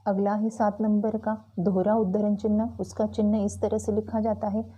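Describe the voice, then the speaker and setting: Woman teacher explaining grammar, dark husky voice. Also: medium pitch, little pitch movement. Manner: slow, careful explaining with frequent "tो चलो". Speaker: Hindi teacher.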